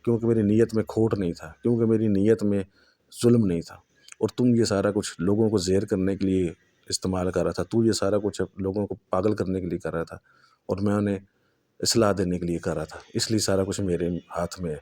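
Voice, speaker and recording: Man voicing a deep stern male jinn. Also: fairly even intonation, mellow, natural voice. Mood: righteous. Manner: threatening, scornful.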